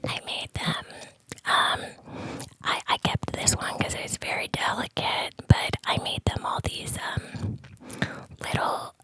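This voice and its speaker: A woman speaks in a soft, breathy whisper, very close to the mic, as an ASMR host. Her delivery is slow and unhurried. She rambles gently, hesitating and trailing off before circling back. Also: rough recording. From San Francisco Bay Area, United States. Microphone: close ear-to-ear ASMR microphone.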